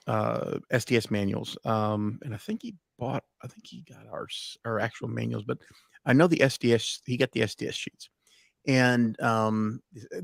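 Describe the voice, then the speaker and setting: A man's voice: medium pitch, creaky, dry recording, studio quality. A man in casual podcast chat, telling stories with many fillers and restarts. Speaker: guest.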